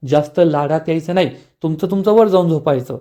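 A man's voice: fairly high pitch, a little fast, dark tone, natural voice. A man voicing a stubborn young wife from a TV serial, speaking in a scolding way.

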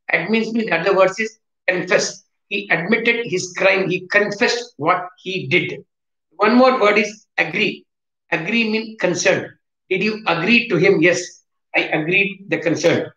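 A man, teaching vocabulary in a slow, repetitive way and switching into Hindi to explain. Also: sits high, pushed and bright. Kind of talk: classroom lesson on vocabulary. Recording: echoey room, dull lo-fi sound.

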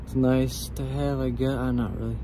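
A man's voice: medium pitch, little pitch movement, moderate pace, warm tone. A young man talking casually to his vlog audience, thinking aloud in slangy speech with light swearing. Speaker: vlogger. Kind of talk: casual vlog talk to camera. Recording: clear background noise, handheld vlog recording.

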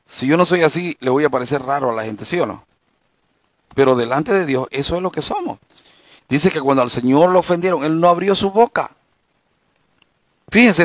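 Man pastor, Bible study sermon, fairly high voice, dry close mic, storytelling with rhetorical questions. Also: a bit bright, no echo. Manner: conversational preaching with anecdotes and rhetorical questions.

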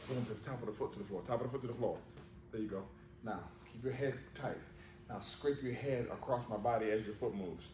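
Talking fast in a mid-range voice, a man runs a hands-on judo session in a large gym, firing off short commands and repeating cues. The sound comes from a camera on the floor, with gym echo and background noise all around.

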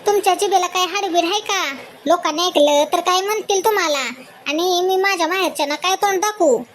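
A woman playing a very high, shrill, suspicious wife. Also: a little fast, a little hiss or hum. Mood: outraged. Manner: nagging, shrill, dramatic. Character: suspicious, dramatic young wife, quick to accuse.

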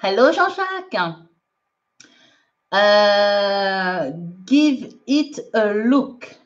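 A French woman with a mid-range, expressive voice and drawn-out words gives a live online English lesson, reading viewers' comments aloud and correcting them chattily with lots of laughter while switching between French and English. The livestream audio is dull and lo-fi.

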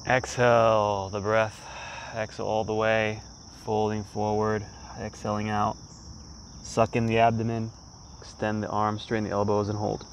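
A man's voice: lowish voice, completely flat delivery, normal speed. A man in his thirties instructing a guided breathing exercise in short, spaced-out phrases. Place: outdoors by a leafy pond. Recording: insects and outdoor ambience, faint noise.

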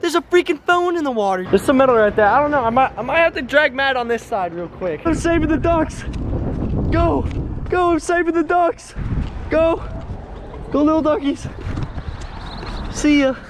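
An excitable young man hosting an outdoor vlog, laughing and joking as he films himself with an action camera beside a busy road. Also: extremely high pitch, moderate pace, pauses often. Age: young adult. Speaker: host. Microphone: action camera, chest mount or held at arm's length. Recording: outdoor camera audio with traffic noise. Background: traffic and outdoor noise.

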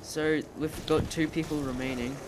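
A man's voice: a little high, fairly even intonation, normal speed, heavy background noise. A man, playing along in a casual let's play, laid-back and teasing. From Australia. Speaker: co-player. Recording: game audio with loud gunfire. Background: loud gunfire.

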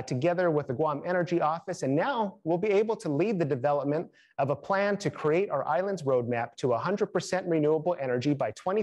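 A young man with a slightly high voice reads a prepared update straight to camera. He moves through long lists of partners and figures in a steady, measured way. The sound is clean and comes from a studio setup. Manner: steady, measured delivery listing achievements. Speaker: program director presenting updates. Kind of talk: scripted presentation to camera. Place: studio in front of a green screen.

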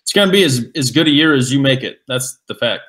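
A man co-hosting a business webinar, emphatic and hyping in a casual sales pitch. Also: animated, fast talker, a bit bright. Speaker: webinar co-host.

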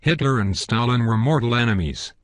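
A man's voice: medium pitch, lively intonation, fairly quick, no echo, natural voice. A synthetic male voice playing a hesitant, reasonable guest in a scripted satirical cartoon interview, speaking earnestly and stiffly. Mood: earnest, defensive.

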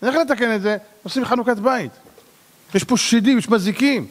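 A rabbi giving an animated sermon, acting out little dialogues and shouting at the peaks. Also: male voice, very high-pitched, in a large hall.

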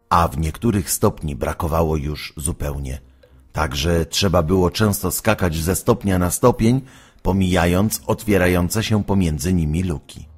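A man with a husky voice narrating a storybook slowly and expressively. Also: deep voice. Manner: slow, expressive reading.

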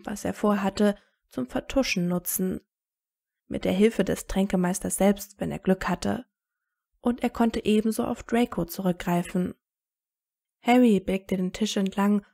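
A woman reading a fan fiction story aloud as narrator, calm in the narration and lifting her voice for the characters' lines. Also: mid-range voice, vocal fry.

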